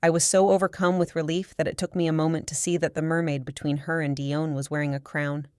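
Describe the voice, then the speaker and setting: A woman reads a first-person audiobook in a steady, measured way. Her voice is low and smooth, with a clean, resonant tone. It is recorded close and dry, with no room sound. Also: no echo. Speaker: audiobook narrator.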